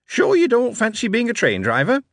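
A man voicing a brisk young male railway recruiter who talks in cheery slang. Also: very high-pitched, wildly swooping pitch, fairly bright tone, no echo, clean studio sound, pitched above the performer's own voice, heavily acted.

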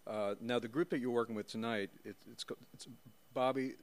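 A man hosting a podcast interview, asking relaxed, friendly questions and chiming in with short agreements. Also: medium pitch, fairly quick. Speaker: podcast host. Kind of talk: casual interview. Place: small recording studio. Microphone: studio microphone.

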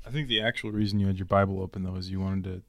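A man's voice: sits low, steady tone, rapid-fire, vocal fry, dry recording. A man in casual podcast chat, easygoing and teasing. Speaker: podcast co-host.

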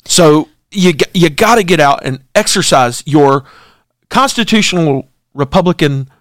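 A man's voice: a little high, expressive, unhurried, a bit bright, no echo. Man, co-host, earnest, political chat, dry sound. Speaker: talk show co-host. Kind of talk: casual political commentary.

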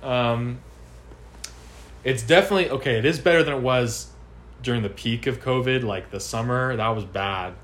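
A man's voice: mid-range voice, moderate pace, a bit bright. A man in his twenties answering interview questions at home, hesitant, with many ums and restarts. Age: 20s. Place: home apartment.

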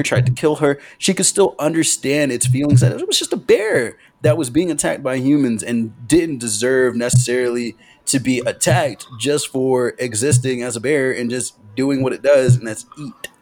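A man co-hosting a casual podcast, talking in an excitable, animated way and swearing freely. His voice has a gravelly, creaky edge, and his pitch swings widely as he gets worked up. His tone sits in an ordinary middle register. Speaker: podcast co-host.

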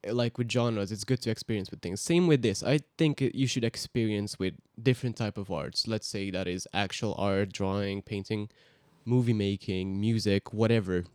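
Podcast guest, teen male, native Hungarian, low voice, dry sound, easygoing storyteller. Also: moderate pace, hardly any pauses, smooth, dry recording. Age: teens. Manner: relaxed, rambling storytelling with fillers. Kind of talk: casual podcast chat.

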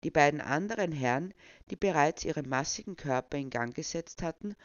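A man reading a novel aloud as narrator, even and measured. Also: fairly high pitch, no room sound, lo-fi sound. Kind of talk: audiobook reading.

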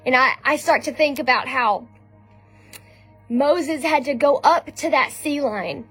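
Conversational woman preaching over soft music. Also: high-pitched, measured pace. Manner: conversational, with frequent ums and restarts. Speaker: speaker giving a devotional message. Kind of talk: informal sermon.

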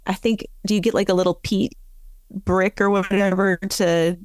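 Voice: mid-range voice, flat delivery, moderate pace, smooth, no echo, studio quality. A podcast co-host in casual chat, explaining things plainly and matter-of-factly.

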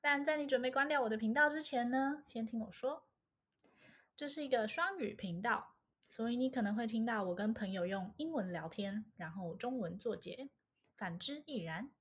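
A woman's voice: fairly high pitch, normal speed, fairly bright tone, husky. A young woman from Taiwan with a Taiwanese accent, a native Mandarin speaker, introducing her channel in a playful, scripted way. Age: young adult. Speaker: channel host.

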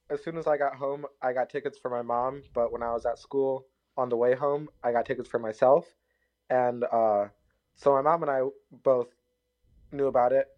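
A man recounting an event as a podcast guest, amused and rambling. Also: medium pitch. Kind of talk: casual storytelling. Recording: slightly dull lo-fi sound.

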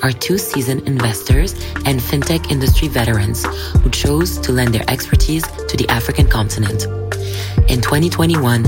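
A woman reads a scripted podcast introduction in a very low voice. Loud music plays under her throughout. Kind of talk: scripted narration.

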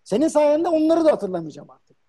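A man voicing a clingy, dramatic young woman being dumped, in a comic sketch, shrill and accusing. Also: big pitch swings, a little fast, mellow.

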